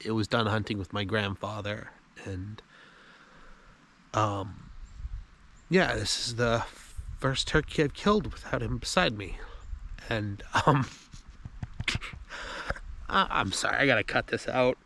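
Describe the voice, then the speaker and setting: A man in his thirties from the USA, talking casually for his hunting vlog outdoors on a farm, halting and emotional with many fillers. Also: on the low side, creaky, pushed and bright, slight background noise. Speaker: hunting vlogger.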